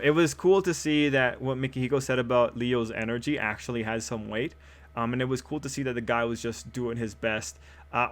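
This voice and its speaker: A man talks through an anime episode in a casual, upbeat review. He rambles with fillers and restarts, and his mid-pitched voice is wearing hoarse. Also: a bit bright.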